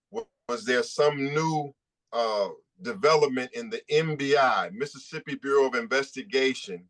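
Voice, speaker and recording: A man's voice: mid-range voice, fairly bright tone. A man who is a civil rights attorney giving an impassioned, emphatic statement at a press conference, repeating points for stress.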